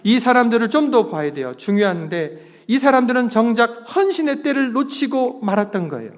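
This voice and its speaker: Earnest pastor preaching in a reverberant sanctuary. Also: male voice, very high-pitched, big pitch swings, brisk. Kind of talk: sermon. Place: church sanctuary. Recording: long reverb of a church sanctuary.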